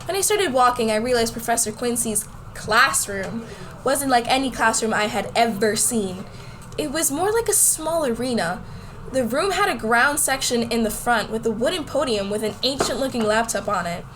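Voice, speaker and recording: A woman plays a nervous, bewildered schoolgirl in an amateur radio play, narrating her own story in first person and acting out dialogue. Her high-ish voice is expressive and fairly bright at a moderate pace, with a little hiss or hum.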